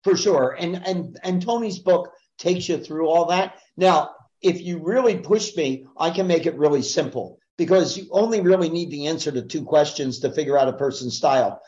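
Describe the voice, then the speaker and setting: A man's voice: fairly high pitch, moderate pace, hardly any pauses, a little mellow, dull audio. A man speaking as a guest in a podcast interview, explaining sales ideas in an assertive, emphatic teaching manner.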